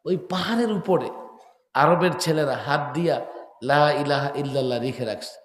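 A man, delivering an outdoor sermon beside a road through a PA microphone, questioning the crowd and bursting into shouts. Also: a little high, moderate pace. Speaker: preacher. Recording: echoey PA sound in a reverberant space.

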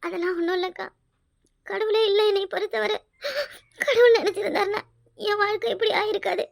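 A woman voicing a cartoon role in a high, childlike voice, pleading and tearful. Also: fairly even intonation, fairly quick, creaky. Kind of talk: cartoon voice acting, several roles.

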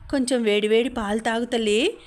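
A woman's voice: on the high side, fairly even intonation, brisk, natural voice. A woman voicing an affectionate young mother who speaks tenderly and coaxingly, in an audiobook.

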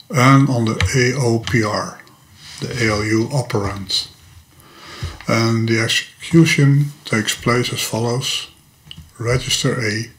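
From his desk in a home workshop room stocked with electronics, an older Dutch man records a programming tutorial, explaining a computer topic with patience and method. The hobbyist teacher has a Dutch accent, a mid-range and slightly bright voice, and now and then stumbles on a word.

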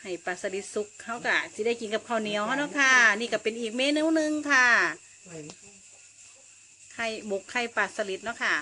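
A woman's voice: on the high side, moderate pace, a little hiss or hum. A woman with a Northeastern Thai Isan accent, narrating a casual cooking vlog in a polite manner as a home cook. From Isan, northeastern Thailand. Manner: polite, repeated soft sentence particles. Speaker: home cook presenting a recipe.

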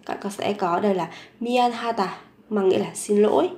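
A woman teaching a language lesson. She says each phrase several times, slowly and clearly, and then explains it. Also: medium pitch, a little mellow, roomy sound.

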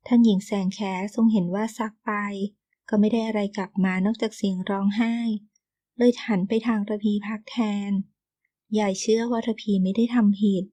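A woman narrating an audio novel in an even, expressive storytelling manner. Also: mid-range voice, no echo.

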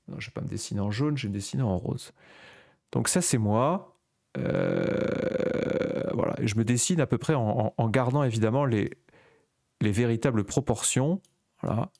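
A man's voice: medium pitch, a little mellow. Playful French man, mock rants. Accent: Parisian-region French. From France. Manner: playful, exaggerated storytelling. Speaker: panel judge. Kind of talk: comedic casual commentary.

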